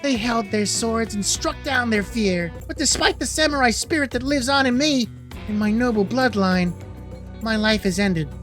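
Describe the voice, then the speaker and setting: A woman voicing a solemn female ghost samurai in a dating game, speaking in a grave, measured way. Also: a little high, expressive, soft background music, natural voice.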